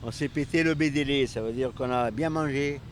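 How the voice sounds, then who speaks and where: A man with a Marseille accent, chatting casually as a street interviewee. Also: a little fast. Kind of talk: casual vox pop. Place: outdoors on a city street. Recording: noisy street with rumbling traffic, honking.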